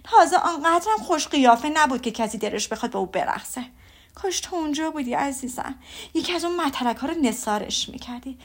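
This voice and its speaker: A woman reading aloud voices a gossiping middle-aged mother who gushes excitedly. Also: high voice. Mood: indignant. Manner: gushing and breathless.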